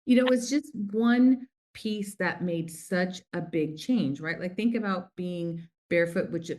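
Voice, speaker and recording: An unhurried, fairly low-pitched female voice belongs to a middle-aged American who founded a lip color company. Appearing as a guest in a casual interview, she chats warmly through her stories with lots of fillers.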